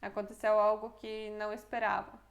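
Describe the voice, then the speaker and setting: A woman's voice: medium pitch, completely flat delivery, brisk. A young adult woman teaching a casual online language lesson, explaining step by step and checking in with the viewer often.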